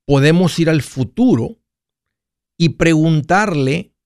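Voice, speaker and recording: A man's voice: fairly high pitch, lively intonation, slow pace, darkish tone, no echo, studio quality. A man hosting a casual monologue, playful and jokey, often restarting mid-phrase. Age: 40s. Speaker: radio finance host.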